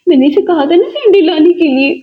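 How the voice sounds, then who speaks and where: Lady doing a fussy old granny, shrill wailing voice, dull lo-fi sound. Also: expressive, a little fast. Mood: complaining. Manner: shrill wailing over a fall. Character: old grandmother, fussy and complaining. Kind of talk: doll play-acting. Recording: dull lo-fi recording.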